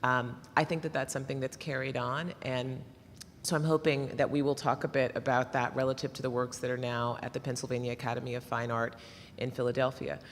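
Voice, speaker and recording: A woman's voice: very deep voice, level tone, fairly quick, big-room sound, slight background noise. A woman from Nashville, Tennessee, interviewing an artist on stage in reflective, long, hedging sentences.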